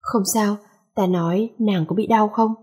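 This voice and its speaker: A woman's voice: mid-range voice, steady tone, measured pace, darkish tone, breathy edge. Woman reading as a commanding young emperor. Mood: tender. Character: young male emperor, possessive, commanding, doting.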